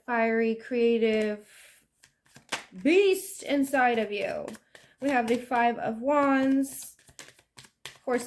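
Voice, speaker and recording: A woman giving a casual, rambling tarot reading in a chatty, self-deprecating way. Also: a little high. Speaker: tarot reader.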